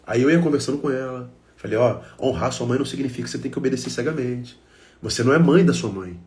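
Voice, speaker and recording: A man's voice: medium pitch, quick pace, a little mellow. A man with a Brazilian Portuguese accent giving an emotional self-help talk, speaking emphatically to his listeners in short repeated phrases.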